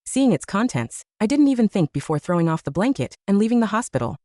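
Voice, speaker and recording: Woman narrator, first-person audiobook, lively intonation, mellow voice, dry close sound. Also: mid-range voice, fast, dry recording.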